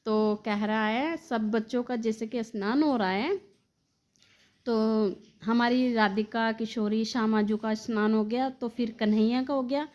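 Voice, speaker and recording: A woman's voice: on the high side, fairly even intonation, unhurried, a little mellow, dull audio. A woman telling a devotional story, affectionately addressing her listeners as dear devotees.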